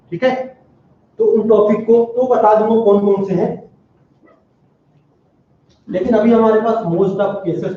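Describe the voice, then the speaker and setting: A male chemistry teacher lectures with animated energy, firing questions at his class. His voice sits high and mellow. It is recorded from far off in a very echoey classroom, with a dull, muffled sound and faint background noise. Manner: animated, calls out questions to students. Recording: very echoey room, distant dull mic.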